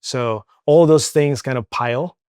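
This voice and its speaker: A young man from Venezuela speaks as an interview guest, open and chatty, leaning on fillers as he goes. His voice is smooth and clear, sits at an ordinary pitch, and is recorded close and dry. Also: measured pace, darkish tone, no echo. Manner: candid, chatty, many fillers like "um" and "like". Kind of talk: casual interview talk.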